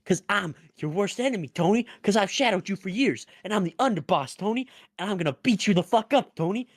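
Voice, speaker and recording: A man putting on a gruff Jersey mob underboss. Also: sits high, animated, brisk, dry recording, clean studio sound, pitched above the performer's own voice. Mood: menacing taunt. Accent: Italian-American Jersey mobster, put on. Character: gruff male mob underboss, menacing and boastful.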